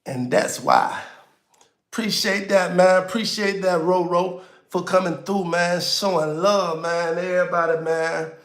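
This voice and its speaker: A man's voice: sits high, a little slow, fairly bright tone, reverberant. A man hosting a casual livestream, talking loosely and slangy straight to his viewers, with auto-tune on his voice. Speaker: livestream host.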